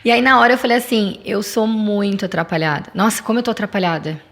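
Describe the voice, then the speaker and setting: A woman's voice: mid-range voice, quick pace, a bit bright. A woman podcast guest telling a personal story in casual chat and making earnest, faith-filled declarations.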